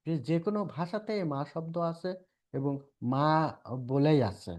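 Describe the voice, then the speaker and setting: A man from Bangladesh with a Bangladeshi Bengali accent, giving a recorded lecture as an English teacher. He explains in Bengali mixed with English terms and slows down for the English quotations. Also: a little high, darkish tone.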